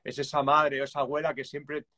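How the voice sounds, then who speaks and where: Man, guest musician, calm reflective explaining, counts beats aloud, slightly high pitch, video call. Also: fairly quick. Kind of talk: explaining drum rhythms.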